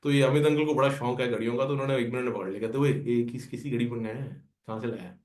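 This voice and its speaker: A man's voice: medium pitch, steady tone, fast talker, darkish tone. A man at a gathering, telling a story about his own experience in a casual way and voicing the dialogue of the people in it. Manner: conversational, acts out dialogue with friends. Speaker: devotee sharing a personal experience. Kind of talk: storytelling testimony. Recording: roomy echo.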